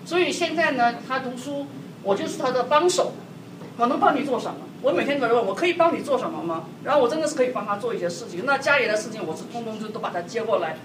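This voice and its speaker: A middle-aged woman giving a sermon-like talk on marriage to a church group, telling personal stories in a lively way with frequent laughter. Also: a little high, fast. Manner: lively, laughing often, acts out quotes. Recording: echoey hall, distant mic, background noise.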